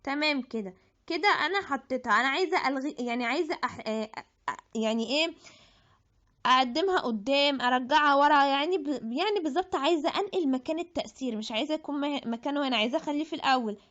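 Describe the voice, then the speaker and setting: A woman's voice: high-pitched, fast, fairly bright tone. A woman with an Egyptian Arabic accent giving a chatty app tutorial, thinking aloud and restarting her words. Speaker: tutorial presenter. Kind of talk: screen-recorded app tutorial. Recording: dull lo-fi audio.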